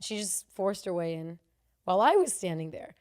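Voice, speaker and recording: Animated woman telling a story. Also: on the low side, moderate pace. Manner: animated, acts out both sides of a quarrel. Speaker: co-host. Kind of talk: casual podcast storytelling.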